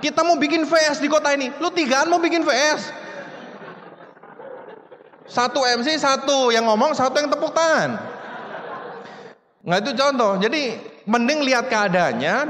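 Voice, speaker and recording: A man's voice: very high-pitched, a bit bright, in a large hall, slight background noise. A man giving a conversational motivational talk to an audience, acting out little dialogues as he goes. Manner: conversational, addresses audience as Bapak Ibu, acts out dialogues. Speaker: motivational speaker.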